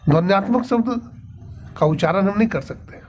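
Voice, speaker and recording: A man's voice: high-pitched, expressive, normal speed, a little mellow, slight background noise. A man giving a devotional sermon, asking rhetorical questions and answering them himself. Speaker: spiritual preacher.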